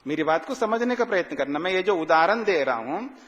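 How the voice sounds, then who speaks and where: A man delivers a morning sermon in an ashram hall. His voice sits high, and his words ring out with a long echo. He keeps asking rhetorical questions and draws out sacred verses slowly for emphasis. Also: animated, a bit bright, dull audio. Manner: repetitive, rhetorical questions, slow emphatic recitation. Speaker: swami giving a morning discourse. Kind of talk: sermon explaining ritual mantras.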